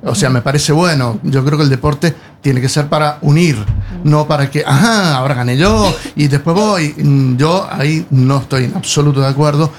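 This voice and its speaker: A man's voice: fairly high pitch, normal speed, slight background noise. A man, talking in a casual panel chat, hesitant and musing with many fillers. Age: 60s.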